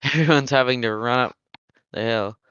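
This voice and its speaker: A young man giving casual, chatty commentary on an online motocross race, relaxed and laughing often as he thinks aloud. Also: medium pitch, normal speed, clear, resonant tone, no echo, dull audio. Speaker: race commentator and server admin.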